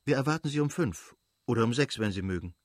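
A man voicing a gentle, kindly young mother who speaks softly and pleadingly in an audiobook reading. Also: mid-range voice, animated, fast talker, dry recording, clean studio sound, lightly acted.

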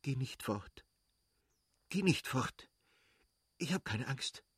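A man voicing a frightened young woman in labor, with high strained cries and rushed, pleading speech. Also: fairly even intonation, husky, no room sound, studio quality.

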